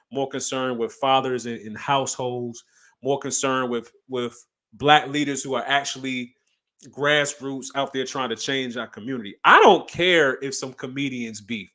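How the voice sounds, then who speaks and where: Dude going off on a podcast, emphatic and animated, regular mid voice. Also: male voice, mid-range voice, moderate pace. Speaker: podcast co-host. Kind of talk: casual chat.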